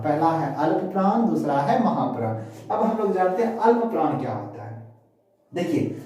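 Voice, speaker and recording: Man teaching sanskrit grammar, high mellow voice, very echoey, far from the mic. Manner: asks questions and answers them himself; repeats syllables slowly in drills. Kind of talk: online grammar lesson.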